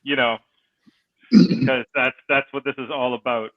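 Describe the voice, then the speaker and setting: A man's voice: medium pitch, steady tone, moderate pace, fairly bright tone, dry recording, dull audio. A man playing a tabletop game, casual and playful in the way he talks. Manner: joking, playful. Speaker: player.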